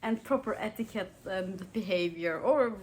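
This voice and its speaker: In her relaxed book review vlog, a young woman whose first language is German talks through her recent reads, laughing frequently and often stopping to restart. Her mid-range voice is a little mellow at a moderate pace, with faint hiss or hum on the recording.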